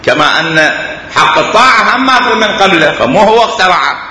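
Lively Iraqi man lecturing in an echoey hall. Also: sits high, fairly quick. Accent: Iraqi Arabic. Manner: animated and explanatory, repeating examples. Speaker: teacher. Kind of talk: classroom grammar lecture. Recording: echoey hall, faint ambience.

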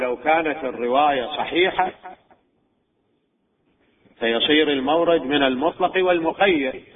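A man teaching religious law in a scholarly lecture, measured and deliberate, posing questions and answering them himself. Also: a little high. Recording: tinny phone-like recording.

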